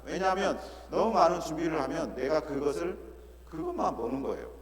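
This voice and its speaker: A middle-aged male pastor preaching an earnest sermon, often asking rhetorical questions and dropping into softer asides. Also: a little high. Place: church sanctuary. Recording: echoey church hall with congregation.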